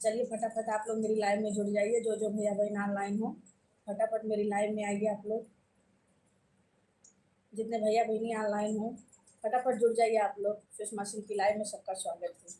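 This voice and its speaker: A woman's voice: mid-range voice, level tone, moderate pace, warm tone. A woman with an Awadhi accent hosting a live stream in a homely, chatty way, repeatedly urging viewers to join. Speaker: live-stream host and folk singer. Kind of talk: casual live-stream chat. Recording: distant mic with faint background noise.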